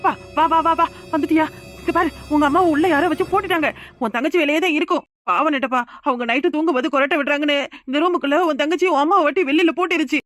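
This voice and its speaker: Cartoon: a jittery Kanyakumari young wife, high, fast, dry studio. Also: female voice, a bit bright, soft background music. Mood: urgent. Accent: Kanyakumari Tamil. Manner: rapid, insistent, pleading. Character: frightened young village wife. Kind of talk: cartoon voice acting.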